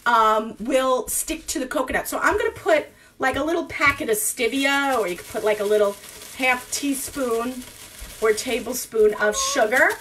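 Chatty high-voiced woman teaching cooking. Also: normal speed, fairly bright tone. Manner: chatty, rambling, thinking aloud with many fillers. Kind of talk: live cooking demonstration. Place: home kitchen, indoors.

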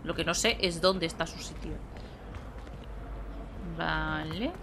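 This gameplay streamer, a young woman, speaks slowly in a low voice, keeping up a playful, casual running chat with herself as she plays. Game music and other background noise sit behind her.

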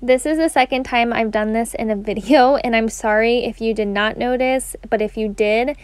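A woman's voice: a little high, fairly even intonation, moderate pace, clean tone, soft background music. A young adult woman chatting casually to camera about cleaning at home, talking in a loose, rambling way with lots of fillers. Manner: chatty, uses many "like" and "um" fillers. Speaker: cleaning vlogger.

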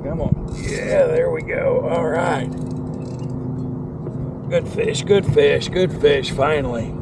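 Excitable angler out on the water. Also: male voice, fairly high pitch, takes it slowly, vocal fry. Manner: excitable, talks to the fish, exclaims loudly. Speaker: kayak angler. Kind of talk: outdoor fishing vlog. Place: kayak on open tidal water, outdoors. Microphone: camera mounted on the kayak. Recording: loud wind and water noise outdoors. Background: wind and water.

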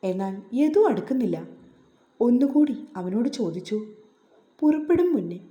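A woman calmly narrating a romantic novel as storyteller. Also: fairly high pitch, moderate pace, dull audio. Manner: calm, relaxing reading. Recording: roomy echo.

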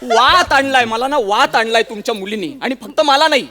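An actor playing an exasperated young son-in-law who keeps cutting in to demand a hearing, in a stage comedy sketch. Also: male voice, very high voice, fairly quick, sharp tone. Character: exasperated young son-in-law complaining about his wife. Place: stage before a live audience.

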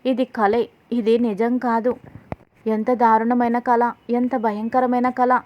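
A kind young daughter-in-law from a family drama retelling speaks with worried respect, read out by a woman. Her voice is fairly high and even. The audio sounds slightly dull. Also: measured pace, close to an everyday voice.

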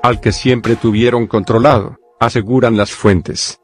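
A man's voice: mid-range voice, fairly even intonation, a little slow. Man reading news over faint music. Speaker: news reader. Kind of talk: scripted news narration.

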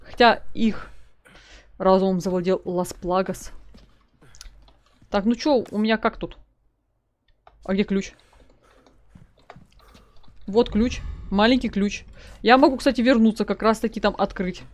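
A woman's voice: mid-range voice, fairly even intonation, a little slow, long pauses, a little mellow. A woman giving casual gameplay commentary as a let's play gamer, chatting to her viewers and reading in-game notes aloud.

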